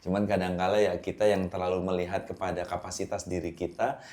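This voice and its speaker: A man's voice: low-pitched, flat delivery, fast, a little mellow. A man hosting a church podcast interview, affirming his guest and asking polite questions. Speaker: podcast host. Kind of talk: casual interview.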